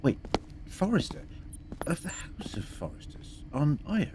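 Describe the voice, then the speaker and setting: A man's voice: a little high, wildly swooping pitch, measured pace. A man playing a whimsical, eccentric time-travelling scientist in an audio drama, flippant, inquisitive and theatrical. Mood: cheeky, excited. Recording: noticeable background noise.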